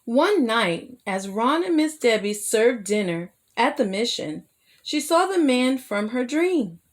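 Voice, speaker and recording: Taking her time, a woman with a fairly high voice reads a children's story as a storyteller, her expressive manner inviting young listeners in.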